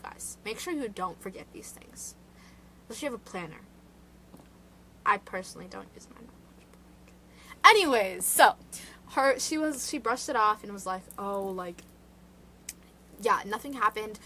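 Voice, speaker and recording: A woman's voice: a little high, animated, normal speed, long pauses, sharp tone, slight background noise, poor audio. A woman vlogger casually retelling true crime cases in a rambling way, full of "like" fillers and side chatter, recorded indoors. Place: indoor room.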